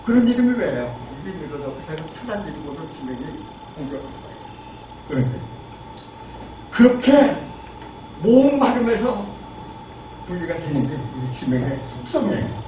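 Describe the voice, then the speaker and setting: A man in his eighties giving a lively lecture and asking the audience questions. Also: high voice, normal speed, long pauses. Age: 80s. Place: lecture room. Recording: lo-fi, echoey, distant, noisy.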